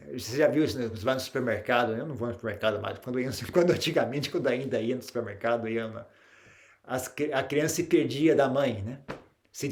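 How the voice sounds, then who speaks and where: Brazilian monk guy teaching meditation, calm, keeps tacking on tag questions, mid-pitch voice. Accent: Brazilian Portuguese. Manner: grows animated when telling anecdotes. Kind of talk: Dharma talk on meditation.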